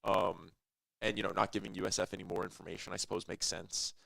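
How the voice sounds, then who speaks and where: A young man giving fast, analytical play-by-play commentary on an esports match, shouting on big plays. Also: sits low, flat delivery, gravelly.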